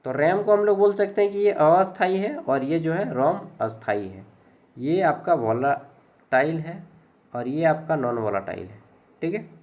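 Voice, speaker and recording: Man, teacher, chatty and jokey, slightly high voice, dull lo-fi sound. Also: expressive, measured pace. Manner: chatty, jokey, repeats "ठीक है". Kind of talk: casual exam-prep lecture. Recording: dull lo-fi recording.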